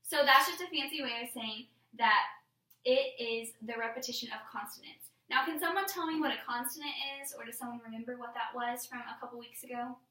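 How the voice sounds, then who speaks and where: A woman's voice: a little high, brisk, bright, forceful tone. A woman teacher leading a classroom lesson, explaining patiently step by step. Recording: roomy classroom, mic far off.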